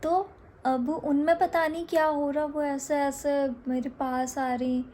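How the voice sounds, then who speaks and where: A young woman from India recounting a dream in a chatty, halting way, with many fillers and restarts. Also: high-pitched, steady tone, darkish tone, a little hiss or hum. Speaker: storyteller. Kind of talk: casual storytelling.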